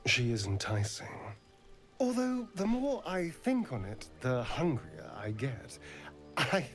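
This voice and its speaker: An actor voicing a centuries-old vampire elf from a video game, who talks in a silky, theatrical way. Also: male voice, on the high side, big pitch swings, slow, soft background music.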